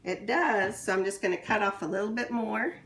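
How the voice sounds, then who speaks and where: A woman teacher walks young children through a kitchen demonstration, patient and unhurried. Her voice has a gravelly edge and sits at a middle pitch. The room is echoey, with faint background noise. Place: kitchen with running water.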